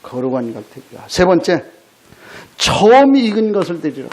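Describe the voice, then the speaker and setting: Male pastor, Sunday sermon. High, lively voice. Chatty, blunt, full of rhetorical questions. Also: normal speed, a little hiss or hum. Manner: conversational preaching, rhetorical questions, blunt scolding asides. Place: church sanctuary.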